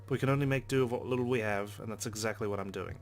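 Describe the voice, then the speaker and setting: Game music plays under a fairly low-voiced man racing through a visual novel's narration as a let's play host. He reads it dramatically and drops in brief casual asides.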